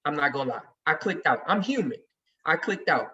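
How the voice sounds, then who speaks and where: A man's voice: on the high side, big pitch swings, fairly quick, bright, forceful tone. A man talking emphatically and heatedly in casual chat as a regular on a sports podcast. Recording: distant, muffled recording.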